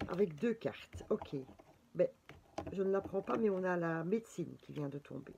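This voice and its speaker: A woman's voice: fairly low pitch, lively intonation, moderate pace, vocal fry, dull audio, noisy background. A woman with a Belgian French accent giving a casual horoscope reading with cards, chatty and full of fillers and exclamations. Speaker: tarot reader.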